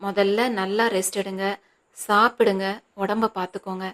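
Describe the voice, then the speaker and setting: A woman's voice: mid-range voice, flat delivery, normal speed, lightly acted. A woman reading an earnest, pleading young man. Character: anxious, earnest grown son pleading with his mother.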